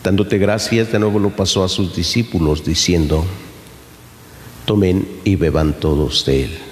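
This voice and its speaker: A middle-aged man, a priest, reciting the Mass at the altar in a slow, measured, solemn way. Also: low-pitched, darkish tone, a little hiss or hum. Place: church sanctuary, behind the altar. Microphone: fixed camera from across the altar. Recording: echoey church with long reverb.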